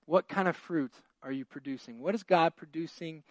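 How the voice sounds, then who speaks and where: A man's voice: on the high side, moderate pace, no room sound. A man, a pastor preaching a conversational sermon, full of fillers and restarts, building to fervent emphasis. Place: church.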